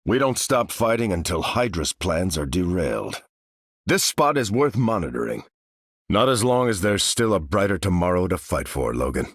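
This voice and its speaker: An American man delivers video game lines as Captain America, an earnest, commanding leader and stalwart veteran soldier, keeping to military phrasing and a measured, earnest mood. His low voice is sing-song and goes at a normal speed. The recording is dry and studio-quality.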